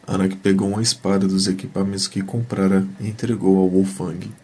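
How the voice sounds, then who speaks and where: A man's voice: low voice, level tone, fairly quick, a little mellow, slight background noise. A man narrating a scripted fantasy story as the narrator of an audio drama.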